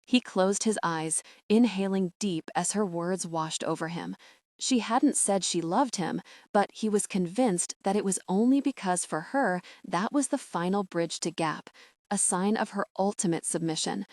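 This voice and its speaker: A woman narrating a romance audiobook in a measured, sensual way, close to the mic. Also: medium pitch, a little mellow, dry recording.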